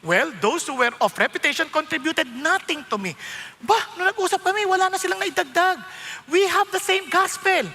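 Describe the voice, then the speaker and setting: A male pastor, preaching an animated, joking sermon and mixing in English. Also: extremely high pitch, moderate pace. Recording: long hall reverb.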